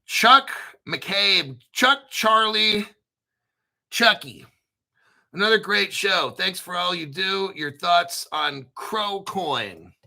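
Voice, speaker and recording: On his casual crypto livestream, this host is blunt and profane, rambling and restarting his sentences. He takes it slowly in a high-pitched, creaky, bright voice with lively intonation and a forceful tone.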